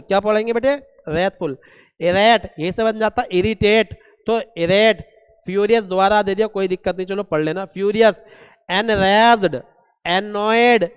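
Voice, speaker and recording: A man teaching a classroom vocabulary lesson, asking questions and answering them himself, spelling words letter by letter and reading English examples very slowly. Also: high-pitched, clear, resonant tone, in a large hall. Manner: asks and answers his own questions, calls students "beta".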